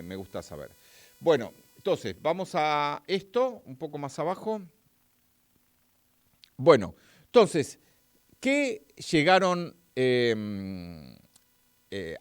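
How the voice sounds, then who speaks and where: Reading viewers' chat and addressing them directly, a physics teacher with an Argentine accent leads a chatty live-streamed lesson. His voice is mid-range, and the recording is dry.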